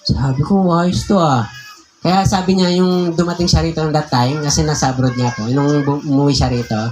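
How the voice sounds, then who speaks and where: Animated Filipino pastor man preaching. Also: on the high side, moderate pace, faint music behind. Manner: conversational, animated, laughing storyteller. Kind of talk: sermon with personal story. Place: church hall.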